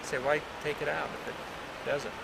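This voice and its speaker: A man's voice: a little high, level tone, moderate pace, creaky. A man on an old VHS home video, explaining a process step by step to a group in a folksy, rambling way, often restarting his sentences. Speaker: teacher of herbal remedies leading a group outdoors. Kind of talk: informal step-by-step spoken instruction. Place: outdoors by a road during a walk. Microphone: camcorder mic at a distance. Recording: hissy old VHS camcorder tape, outdoors. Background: loud outdoor ambience with passing vehicles.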